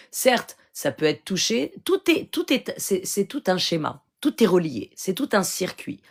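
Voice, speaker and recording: A woman's voice: lowish voice, creaky. A woman from Morocco, a spiritual healer talking casually on a phone live stream and teaching earnestly, often checking in with her listeners. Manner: earnest and instructive, keeps checking in with "d'accord?".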